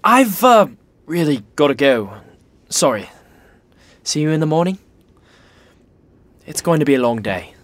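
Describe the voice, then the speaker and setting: An actor playing a blunt, sarcastic young prince who talks in slang and swears freely. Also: male voice, a little high, very animated, measured pace, pauses often, a bit bright. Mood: hurried.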